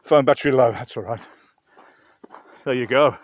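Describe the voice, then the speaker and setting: A man's medium-pitched voice comes through at a moderate pace in a dry, muffled recording. He's a vlogger hiking a mountain trail, chatting to camera about his gear and rambling as he goes.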